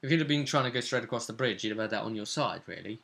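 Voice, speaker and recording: A man, a game master, casually recounts a tabletop role-playing session, telling it conversationally and sprinkling in tag questions. His lowish voice is creaky and fairly bright, and he talks rapid-fire.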